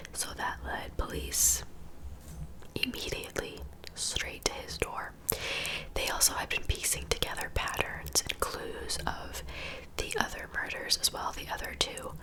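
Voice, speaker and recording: A woman tells true crime stories in a soft, breathy ASMR whisper, keeping things gentle, informal and conversational. The audio quality is poor.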